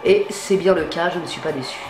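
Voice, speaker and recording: A woman's voice: on the low side, fairly quick, reverberant, music in the background. A woman chatting casually while demonstrating how she dyes her hair, slangy and full of fillers. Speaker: beauty vlogger. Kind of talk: casual hair-dye tutorial chat. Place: home at night.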